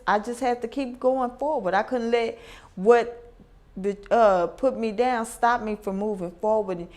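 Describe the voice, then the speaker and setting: A woman giving a heartfelt personal testimony as a radio guest, telling her story plainly with fillers. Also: mid-range voice.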